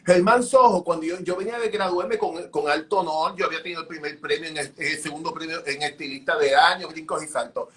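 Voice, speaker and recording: A man, a hairdresser, telling animated stories in an interview, acting out dialogue and repeating himself as he goes. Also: a little high, fairly quick, few pauses. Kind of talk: storytelling interview chat.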